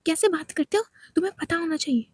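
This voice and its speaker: A woman voicing a whiny young woman who takes offence easily and complains loudly. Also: high voice, brisk, no echo, lightly acted. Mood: aggrieved. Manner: loud, complaining, tearful pleading.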